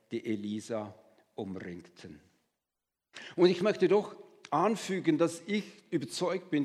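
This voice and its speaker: A man's voice: medium pitch, darkish tone, big-room sound. A man preaching a sermon as pastor, speaking in an earnest, conversational way and addressing listeners directly.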